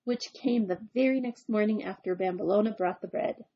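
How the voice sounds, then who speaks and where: Husky woman reading a storybook. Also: medium pitch, moderate pace, muffled recording. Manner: playful, with chatty asides. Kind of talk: reading a picture book aloud.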